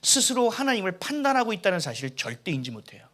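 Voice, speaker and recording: A man, a pastor, preaching a sermon and telling stories in an animated, conversational way. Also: high voice, quick pace.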